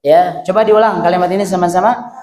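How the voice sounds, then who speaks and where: A man's voice: high-pitched, steady tone, fast, background noise. A man teaching Quran recitation, patiently demonstrating sounds and repeating syllables one by one. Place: hall at a hospital study gathering. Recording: roomy echoey hall.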